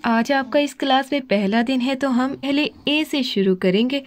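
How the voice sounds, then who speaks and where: A woman's voice: high-pitched, normal speed, close to an everyday voice. A woman voicing a strict female schoolteacher doll in a doll play story, bossy and hurrying the class along. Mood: stern.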